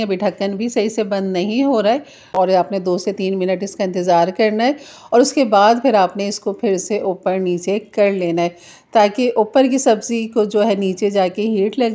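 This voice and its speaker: A woman talks through a home cooking tutorial. Her voice is mellow and warm, and she takes time to explain why each step is done, patiently and clearly. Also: mid-range voice. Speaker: home cook, channel host.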